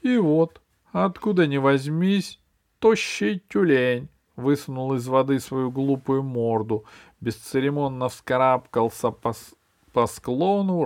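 A man reading a children's adventure story aloud in the first person, with lively storytelling that drops low and soft at the ends of phrases. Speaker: audiobook reader.

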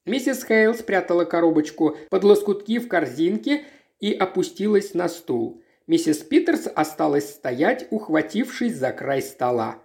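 An audiobook narrator reading a literary story in a measured, expressive way. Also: medium pitch, vocal fry.

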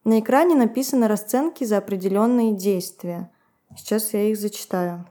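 A woman's voice: medium pitch, moderate pace, warm tone. A woman co-hosting a podcast, retelling events and commenting with laughs. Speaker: podcast co-host. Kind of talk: podcast storytelling.

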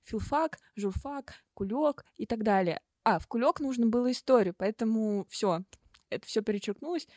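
A woman's voice: on the high side, normal speed, darkish tone, no echo, clean studio sound. A woman of twenty-one co-hosting a podcast, telling stories in casual chat with lots of fillers. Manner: chatty storyteller, many fillers. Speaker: podcast co-host.

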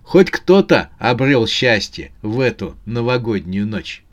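A man's voice: medium pitch, big pitch swings, unhurried. A man voicing a smug male spy who savours each word, close to his own reading voice. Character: smug British male spy, pleased with himself.

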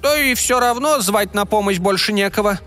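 A man's voice: high-pitched, moderate pace, faint music behind, pitched above the performer's own voice. Silver Spine, a man doing an old grumpy fairy. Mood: glum. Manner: irritable, then quietly glum. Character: old, gloomy male fairy.

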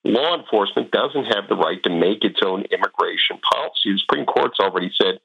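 A man giving halting, explanatory commentary as an expert guest in a radio interview. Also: fairly low pitch, expressive, vocal fry, bright, forceful tone, breathy edge. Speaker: guest expert on immigration law. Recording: muffled, narrow radio audio.

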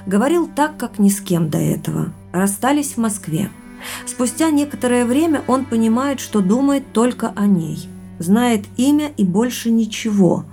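In a naturalistic audio drama with music underneath, a thoughtful young woman shares a family mystery with her boyfriend while absorbed in reading aloud. Her voice is on the high side, creaky and mellow, animated and at a normal speed.

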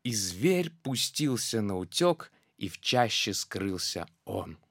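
A storyteller reading a children's verse tale aloud in a rhythmic, expressive way. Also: medium pitch, takes it slowly, dry recording, studio quality.

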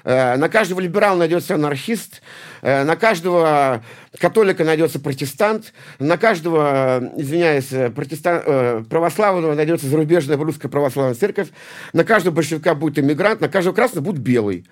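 In a casual interview, a man in his late forties from St Petersburg, Russia, a punk poet and musician, rambles as a guest with heavy swearing, repeated words and many restarts. His voice is fairly high, animated and a little fast.

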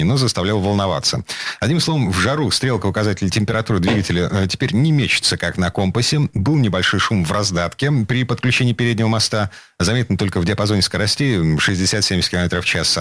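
A man's voice: lowish voice, a bit bright, no echo, studio quality. A man hosting a programme, presenting and reading written material aloud. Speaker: programme host.

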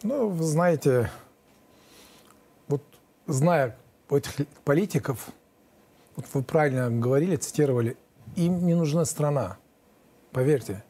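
Man in his fifties, lawyer guest, halting and defensive, mellow and somewhat high. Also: expressive, husky. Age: 50s. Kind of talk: interview answers.

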